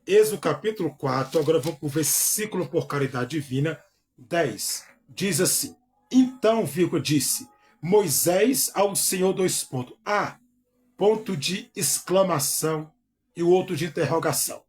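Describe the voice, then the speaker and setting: A man's voice: on the high side, normal speed. A male pastor teaching a Bible lesson who reads verses aloud, calls out each punctuation mark, and repeats phrases to explain them. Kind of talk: bible study sermon.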